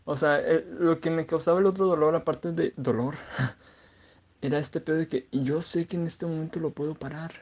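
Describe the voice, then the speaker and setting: A man's voice: a little high, steady tone, moderate pace, a little mellow, muffled recording. A queasy young man with a Mexican accent, rambling crudely in a casual video diary. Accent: Mexican Spanish.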